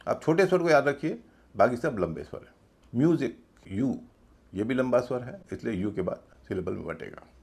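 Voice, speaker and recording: A man teaching an English pronunciation lesson, slow and patient, repeating points and spelling words out letter by letter. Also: medium pitch, animated, a little mellow. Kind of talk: spoken grammar lesson.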